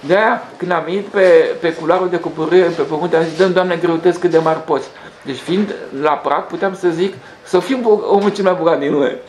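A host speaks conversationally through a rambling spiritual monologue in a high voice with few pauses, often restarting and hesitating. The room is echoey, with faint background noise.

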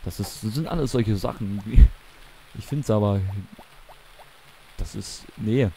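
This casual gaming commentary comes from a young man from eastern Germany whose Mansfeld accent colors his slow, warm, low-leaning voice with vocal fry. He wanders and self-corrects as he talks, and a little hiss or hum can be heard.

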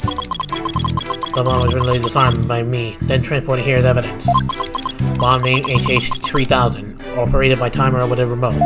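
A man voicing a male bomb specialist who speaks in a flat, clipped, robot-like way, over game music. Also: mid-range voice, moderate pace. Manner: flat, clipped, mechanical delivery.

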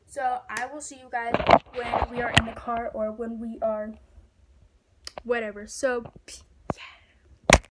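Holding her phone or device at arm's length, a young American vlogger chats casually with viewers across her bedroom, kitchen, car and nighttime outdoor spots. She speaks unhurriedly in a slightly high voice with little pitch movement, over heavy background noise.

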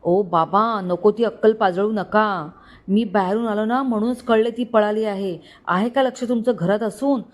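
A woman voicing a drunk, furious rich young man who shouts and curses at his servants in a storybook reading. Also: medium pitch, moderate pace, lightly acted. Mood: agitated. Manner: shouting, abusive.

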